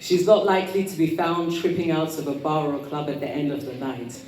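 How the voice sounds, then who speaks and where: A woman giving a motivational talk as an etiquette coach, with prim, precise enunciation and a measured, polite manner. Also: deep voice, steady tone, a little mellow. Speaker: etiquette coach speaking at an event. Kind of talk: motivational talk to a live audience. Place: indoor event room with audience. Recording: roomy, distant mic, noisy hall.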